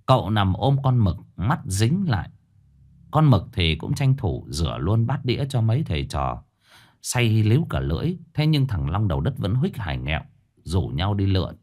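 A man's voice: on the low side, very animated, moderate pace, darkish tone. A man with a Northern Vietnamese accent narrating a comic ghost story, colloquial with playful asides.

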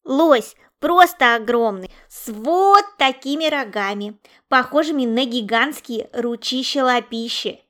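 A woman voicing a timid young boy steam engine from a storybook, wide-eyed and loud. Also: sits high, a little slow. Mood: excited. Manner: wide-eyed, loud and excited, whispers when scared.

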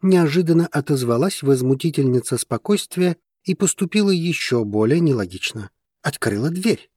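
A man narrating fiction for an audiobook in a measured, steady manner. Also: on the high side, slightly rough, no echo, studio quality.

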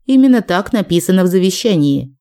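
A woman reads a first-person story aloud as an audiobook narrator. Her voice sits low for a woman and has a warm, mellow darkness. She keeps a steady, even storytelling manner. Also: brisk.

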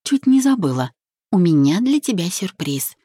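A woman reading an audiobook voices a young wife who speaks quietly and calmly despite her pain. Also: fairly low pitch, moderate pace, husky, no echo, pitched above the performer's own voice. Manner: quiet, soft-spoken. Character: wounded but calm young wife, gentle.

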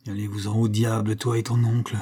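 A man's voice: on the low side, level tone, a little fast, mellow, breathy edge. A man reading aloud voicing an impatient, superstitious old father who grumbles and grows exasperated. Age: older.

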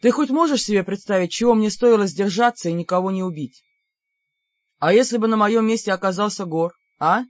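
An audiobook reader voicing a calm young man, the dry, mocking and stern older brother. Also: mid-range voice, a little fast, dry recording, dull audio, natural voice. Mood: wry, stern.

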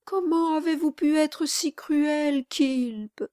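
A woman voicing a meek, tearful young wife who pleads softly in a storybook reading. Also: sits high, sing-song, takes it slowly, dry recording, clean studio sound, voice pushed up, exaggerated voice. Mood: pleading. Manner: pleading, soft and submissive.

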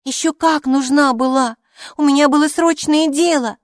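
A woman voicing an eager six-year-old girl who argues back readily, in a high, childlike voice for a storybook. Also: moderate pace, dry recording, studio quality, close to an everyday voice. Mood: indignant.

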